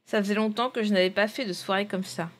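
A woman streaming live, talking loosely and thinking aloud while she sorts out her games. Her pitch sits in a middle range, and she chats to viewers in an easy, rambling way. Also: steady tone, fast talker. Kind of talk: casual live-stream chat.

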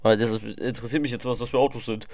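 A man's voice: mid-range voice, fairly even intonation, rapid-fire. A man giving casual, enthusiastic, rambling reaction commentary on music into a desk microphone. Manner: enthusiastic, slangy, rambling with fillers.

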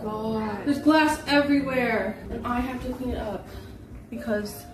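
A young woman with a fairly high voice livestreams from her home kitchen, chatting casually while she cooks and reacting dramatically: squeamish and exclaiming. She talks unhurriedly, with music in the background and a rough recording quality.

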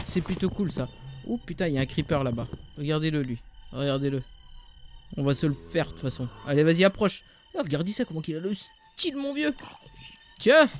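A man with a French accent giving casual, slangy Let's Play commentary, talking straight to his viewers and swearing when things go wrong. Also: high voice. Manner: excitable, slangy, swears, addresses viewers directly. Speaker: gaming YouTuber.

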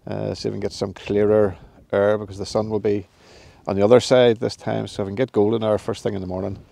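Gravelly man vlogging outdoors. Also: on the low side, flat delivery, fast talker, dark tone, no echo. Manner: chatty, laughs often, self-deprecating jokes. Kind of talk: casual vlog to camera. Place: mountain summit outdoors, windy. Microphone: phone camera held at arm's length.

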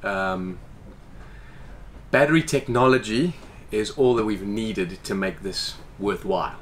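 A man in his forties, owner of the boat, gives a relaxed interview inside its salon, his lowish voice taking things slowly. He explains in an animated way, gesturing with his hands.

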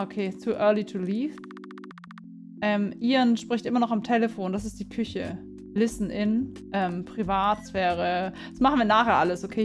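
A woman playing a horror game, reading game text aloud and exclaiming in panic. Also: mid-range voice. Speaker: let's play host. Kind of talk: German let's play commentary.

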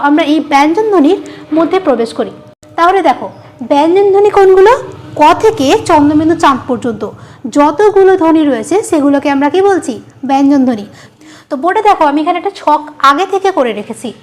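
A woman teaches a grammar lesson at a board in a high voice. She keeps asking her students questions and then answering them herself, repeating each key term so it sticks.

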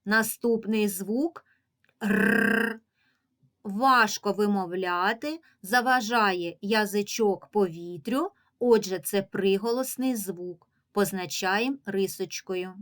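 Slow, patient woman teaching young children. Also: medium pitch, fairly bright tone. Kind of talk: early reading lesson for children.

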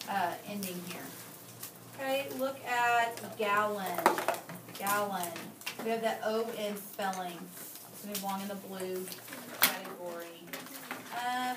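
A woman teaching a spelling lesson, explaining patiently step by step with the odd filler. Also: medium pitch. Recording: echoey room, noisy, mic far off.

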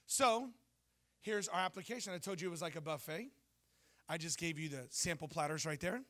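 With a bright, fairly high voice and a brisk pace, a male pastor delivers a sermon to a congregation from the church stage. He speaks into a handheld mic, animated and story-driven, joking and quizzing the crowd.

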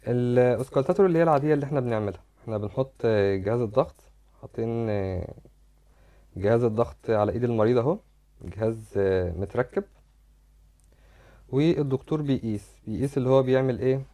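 Warm-toned and fast-talking at a medium pitch, this man with an Egyptian Arabic accent explains a medical topic step by step over slides, repeating words as he shows each part.

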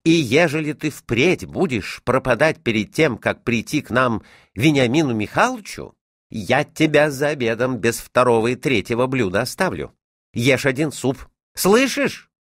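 A man voicing a fussy, scolding middle-aged lady at her summer house, with a shrill, exclaiming manner. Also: huge pitch swings, measured pace, dry recording, studio quality. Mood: indignant.

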